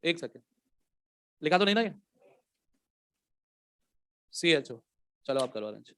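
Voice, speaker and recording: A man teaching a chemistry class, quizzing the students and dictating questions slowly. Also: on the high side, sing-song, clean tone. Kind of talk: classroom lecture.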